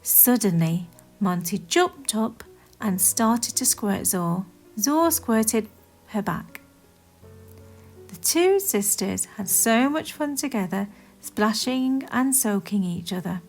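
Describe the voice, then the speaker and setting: Music plays beneath a woman's unhurried, expressive read-aloud of a children's story. Her intonation swings in a lively way, and her mid-range voice has a gravelly quality. The delivery is deliberate.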